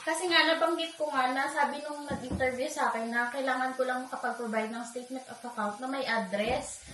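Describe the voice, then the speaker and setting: A woman from the Philippines tells her viewers a personal story in a chatty, confiding vlog manner, often turning to address them directly. Her voice sits a little high. The recording is roomy and echoey, with her set back some distance from the mic. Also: steady tone, brisk, crowd noise. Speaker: vlogger.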